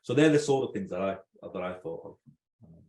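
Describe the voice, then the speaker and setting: A man with a fairly low voice gives an informal presentation. He sounds reflective and tends to pose questions. The room around him is strongly echoey. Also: lively intonation, fairly quick, mellow. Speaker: event speaker.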